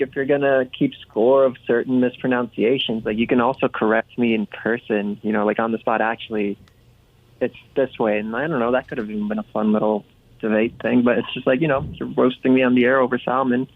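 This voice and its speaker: A man's voice: medium pitch, fairly even intonation, a little fast, dry recording. A man calling into a radio show, talking in a rambling, half-joking way over a tinny phone line. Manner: hurt but joking, rambling. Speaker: caller.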